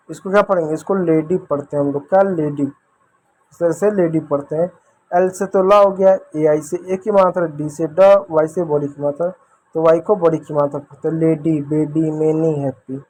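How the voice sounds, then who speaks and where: A man's voice: a little high, a little mellow. A man teaches children to read English. He goes through each rule patiently, repeating letters and sounds step by step. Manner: patient, repetitive step-by-step explaining, addressing children. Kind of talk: phonics lesson for children.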